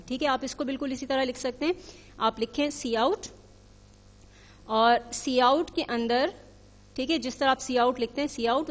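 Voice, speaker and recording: Woman, programming teacher, recorded lecture, step-by-step explaining, fairly high voice, reverberant recording. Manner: explains step by step, often checking with "theek hai?"; mixes English technical terms into Urdu.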